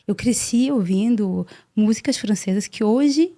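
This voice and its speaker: A Brazilian woman in her forties, a podcast guest, telling her life story in an earnest, animated way and often repeating words. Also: fairly high pitch, a little slow. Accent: Brazilian Portuguese. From Brazil (Salvador, Bahia). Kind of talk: casual interview storytelling.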